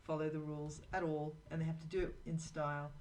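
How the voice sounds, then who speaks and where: A woman's voice: low voice, little pitch movement, quick pace, darkish tone, low-quality recording. A woman hosting a live drawing show, chatting to viewers and telling rambling anecdotes as she draws. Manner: rambling, anecdotal, talks to viewers while working. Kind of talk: chatty live-stream narration while drawing.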